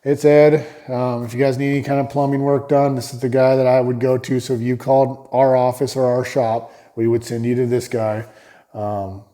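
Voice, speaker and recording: A man hosts a relaxed conversation with a tradesman, his voice mellow and dark. He rambles through stories, restarts his sentences and tacks on little tag questions. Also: medium pitch, normal speed. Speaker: host, builder. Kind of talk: casual interview chat.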